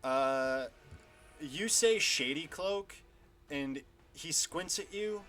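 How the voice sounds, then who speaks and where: A man narrating as game master of a tabletop game, unhurried and hesitant, with many fillers. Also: fairly high pitch, animated, a bit bright, faint music behind.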